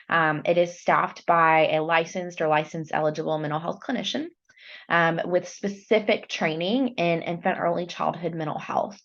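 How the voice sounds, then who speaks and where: Low, creaky woman presenting a workshop. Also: dull audio. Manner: explanatory, steady, with fillers. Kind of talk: conference presentation.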